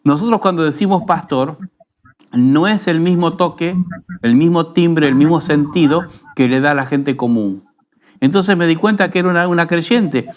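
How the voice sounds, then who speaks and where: Argentine pastor teaching in an unhurried tone. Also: male voice, a little high, a little mellow. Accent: Rioplatense Spanish. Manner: unhurried, teaching tone with frequent rhetorical tag questions. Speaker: pastor and radio program host. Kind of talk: conversational preaching.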